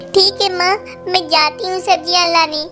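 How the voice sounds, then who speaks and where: A woman's voice: extremely high pitch, steady tone, moderate pace, over music. Tuni, a woman doing a pleading little girl bird. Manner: pleading, tearful. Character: sad, overworked young girl bird.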